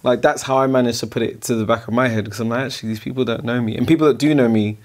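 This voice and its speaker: A young man hosts a relaxed studio chat. His voice is mid-pitched, and he asks careful follow-up questions between soft, encouraging murmurs. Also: very fast. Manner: supportive, quiet backchannels, thoughtful follow-up questions. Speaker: podcast host. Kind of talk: casual interview chat. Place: small indoor studio with sofa.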